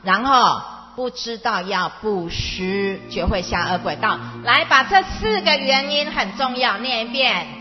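A woman with a high voice teaches young children as a storyteller would, in simple, emphatic phrases full of questions and repetition. The sound is reverberant and slightly dull, as in a big hall, with music behind her. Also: expressive, unhurried. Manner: simple, question-and-answer talk as to small children; emphatic, repeats key words. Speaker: Buddhist teacher (dharma master) of a children's class.

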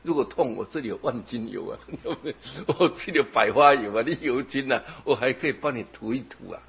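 A man doing a gentle, cheerful old Zen master. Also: medium pitch, a little fast, gravelly, slightly rough. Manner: soft coaxing, smiling advice. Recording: dull lo-fi recording.

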